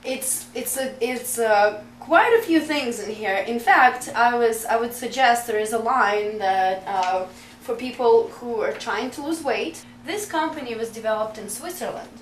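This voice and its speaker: A woman's voice: fairly high pitch, unhurried, slight background noise. A young woman from Russia, a guest chatting playfully in a comedy interview, laughing and hesitating with fillers. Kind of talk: casual interview chat. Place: indoor bedroom set. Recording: roomy room sound.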